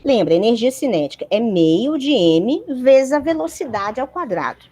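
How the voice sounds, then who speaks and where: A woman's voice: fairly high pitch, very animated, normal speed, warm tone. A woman giving a university physics lecture, explaining step by step and checking in with her students.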